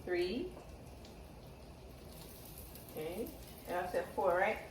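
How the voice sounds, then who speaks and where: This home cooking vlogger has a lowish, animated voice and a moderate pace, her speech shaped by braces. She demonstrates a dish casually, thinking aloud in her kitchen, recorded from afar with roominess and faint noise.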